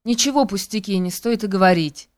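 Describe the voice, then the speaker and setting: Woman doing proud young singer girl, cutting replies, smooth clear voice. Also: mid-range voice, brisk, natural voice. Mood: warm, teasing.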